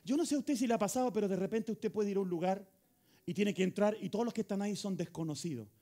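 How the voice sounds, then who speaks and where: Chilean pastor, male, high gravelly voice, energetic live sermon. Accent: Chilean Spanish. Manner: animated preaching, rising to shouts and rapid questions. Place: church hall, live service.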